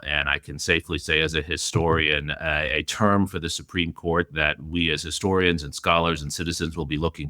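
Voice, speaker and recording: Low, bright-voiced male podcast host. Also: dry recording, clean studio sound. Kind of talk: conversational podcast hosting.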